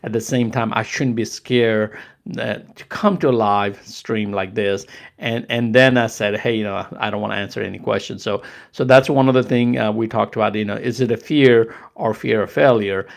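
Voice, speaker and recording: Halting, gravelly Nepali-accented older man. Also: on the low side, steady tone. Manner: halting, many restarts and fillers. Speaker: live stream host. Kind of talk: casual live stream talk.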